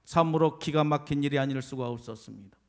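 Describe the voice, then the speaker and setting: A male pastor from the Jeolla region preaching a sermon, firing rhetorical questions at the congregation and swelling louder on key points. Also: on the high side, quick pace, vocal fry. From Jeolla, South Korea.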